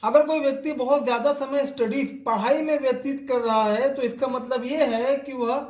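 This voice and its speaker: A man with a very high voice gives a line-by-line literature lecture. He reads English quotations slowly and deliberately before explaining them. The sound is roomy and echoey. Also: steady tone, darkish tone.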